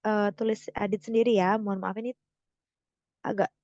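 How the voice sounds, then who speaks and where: A young woman tutoring online in a casual way, correcting herself and slowly stressing example words. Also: medium pitch, level tone, a little mellow, dry recording, dull audio. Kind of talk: explaining grammar lesson.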